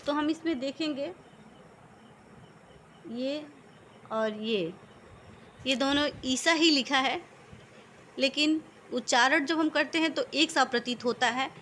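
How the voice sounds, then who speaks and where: A woman's voice: high-pitched, takes it slowly, pauses often, fairly bright tone, a little hiss or hum. A woman teaching a vocabulary lesson, patiently explaining one word after another.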